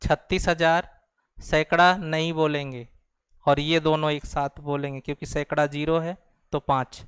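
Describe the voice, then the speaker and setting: A man's voice: a little high, level tone, moderate pace, fairly bright tone, clean tone, no echo. A man teaching a math lesson, speaking. He patiently explains each step, repeats it, and addresses students as "brother". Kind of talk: explaining place values on a board.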